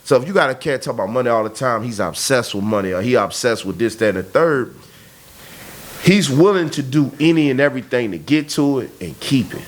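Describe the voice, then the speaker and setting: A man's voice: medium pitch, lively intonation, brisk. A man in his thirties, talking bluntly and emphatically in a casual conversation. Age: 30s. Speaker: podcast host.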